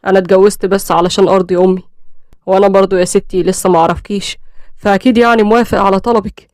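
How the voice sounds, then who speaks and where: A woman with an Egyptian accent voicing a calm, courteous and pious young husband who speaks kindly. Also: mid-range voice, racing, no room sound, clean studio sound, lightly acted. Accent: Egyptian Arabic. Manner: calm, kind, reassuring.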